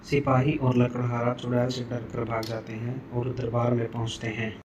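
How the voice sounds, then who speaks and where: A man's voice: medium pitch, monotone, normal speed. A man reading scripted narration for a cartoon story as its narrator, with noise behind the voice. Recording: noticeable background noise.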